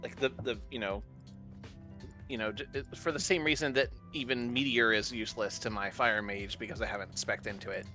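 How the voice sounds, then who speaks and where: Bright-voiced guy chatting over a game. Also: on the low side, brisk, soft background music. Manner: relaxed, rambling with fillers. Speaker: co-player. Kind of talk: casual gameplay chat.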